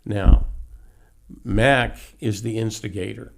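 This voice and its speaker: A man's voice: lowish voice, fairly even intonation, slow pace. A middle-aged man who runs a horse carriage farm, telling folksy stories about his horses in a casual interview. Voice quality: gravelly. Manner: folksy, anecdotal storyteller.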